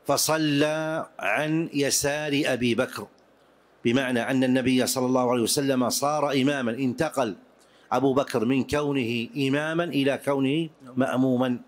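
A man teaching Islamic jurisprudence to a class, explaining prayer rules deliberately and repeating key points for his students. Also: medium pitch, fairly even intonation.

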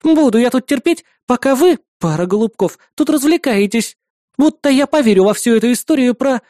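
A woman's voice: a little high, animated, fairly quick, mellow, dry recording, studio quality, pitched above the performer's own voice, lightly acted. A woman voicing a bossy, sarcastic middle-aged female neighbor in an audiobook. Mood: indignant. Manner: scolding, indignant, sarcastic. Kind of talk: audiobook character voice.

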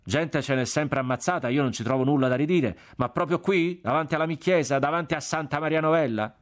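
A male reader voicing a big, hot-tempered friar who scolds loudly. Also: a little high, brisk, voice pushed up, close to an everyday voice. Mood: indignant. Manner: scolding, shouting. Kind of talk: audiobook character voice.

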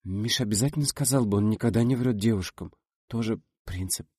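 A man's voice: lowish voice, fairly quick, darkish tone, slightly rough, no room sound, studio quality. A man voicing a shy, nervous young actress asking anxious questions in an audiobook. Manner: hesitant, flustered.

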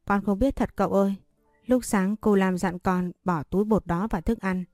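A woman's voice: medium pitch, steady tone, moderate pace, darkish tone, no room sound, clean studio sound, faint music behind, close to an everyday voice. A woman reading a storybook voicing a frightened teenage servant girl who stammers and pleads. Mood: pleading.

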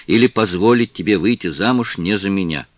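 A man reading the lines of a composed aristocratic gentleman who speaks slowly and with measured calm, in an audiobook. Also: deep voice, no echo, close to an everyday voice. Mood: tender. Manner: slow, measured, condescending calm.

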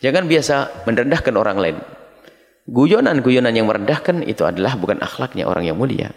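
Teaching from a text at dawn, a middle-aged preacher reads brief Arabic phrases, then unpacks them, addressing the audience as his children. His gravelly, medium-pitched voice is brisk and rises and falls in wide, lively arcs, with a large hall's long echo after each phrase.

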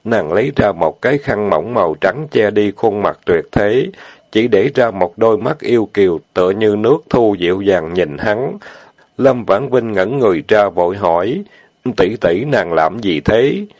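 A man narrating an audiobook novel in a steady, plain reading. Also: lowish voice, normal speed, dry recording. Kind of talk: storytelling narration.

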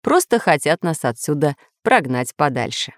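A woman's voice: sits low, sing-song, moderate pace, no echo, clean studio sound. A woman voicing an old professor geographer who explains things enthusiastically. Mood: explaining.

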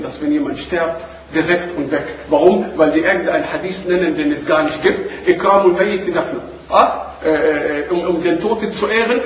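High-voiced preacher in an echoey room. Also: male voice, lo-fi sound, a little hiss or hum. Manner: swings from loud questions to low, quiet lines, quoting Arabic verses. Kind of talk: sermon to a seated audience. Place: room with an audience. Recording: echoey room recording from far off.

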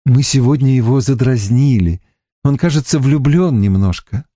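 A man voicing a calm eldest sister. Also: medium pitch, moderate pace, dry recording, lightly acted. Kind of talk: audiobook character reading.

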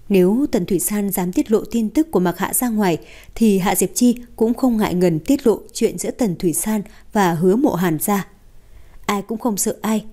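A woman narrating a romance novel in an even, steady storytelling voice. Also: medium pitch.

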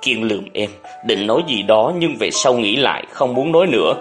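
A man's voice: mid-range voice, brisk, over music. Man reading a novel aloud expressively. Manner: expressive storytelling. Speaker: audiobook narrator. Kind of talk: scripted narration of a novel.

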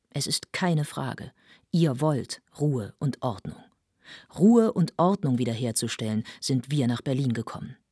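A woman voicing a military officer who addresses a crowd slowly and commandingly, with a slightly husky voice. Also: a bass voice, darkish tone, no echo, studio quality, heavily acted. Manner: slow, commanding, rhetorical.

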